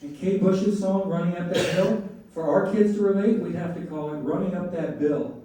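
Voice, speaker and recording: A middle-aged man performing stand-up comedy in setups and punchlines with pauses, to a laughing audience. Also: high voice. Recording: roomy echoing live venue, distant mic, faint noise.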